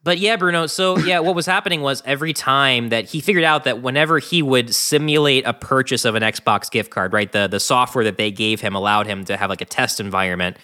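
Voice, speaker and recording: A man co-hosting a podcast in casual chat, animated and laughing often as he explains a story. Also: mid-range voice, a little fast, few pauses. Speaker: podcast co-host.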